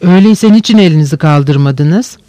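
A man reading the lines of a brisk, insistent woman chairing a meeting, in a firm, procedural tone, for an audiobook. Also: fairly high pitch, dark tone, dry recording, natural voice.

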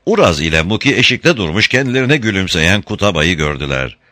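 A man narrates a novel as an audiobook, very deep yet bright in tone. His delivery is expressive and swings widely in pitch. The recording is dry and close. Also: fairly quick, dry recording.

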